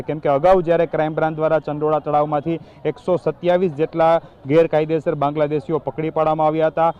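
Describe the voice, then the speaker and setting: A man reporting live for a news channel from an outdoor police ground, speaking in steady, official sentences. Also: on the high side, dull audio. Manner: steady, level delivery with official lists. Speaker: field reporter.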